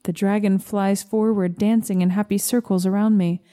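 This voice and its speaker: A woman narrates a first-person tale with a slow, gentle, measured delivery. Her voice is mellow and warm and sits at an ordinary middle pitch. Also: flat delivery.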